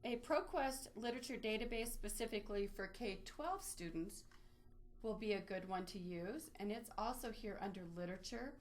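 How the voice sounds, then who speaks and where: A woman leads an instructional webinar, sharing her screen and explaining each step of the demonstration. Her mid-range voice moves at a normal speed.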